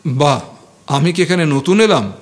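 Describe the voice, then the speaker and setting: A man voicing a calm, frugal male party organiser who talks in an unhurried, measured way. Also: a little high.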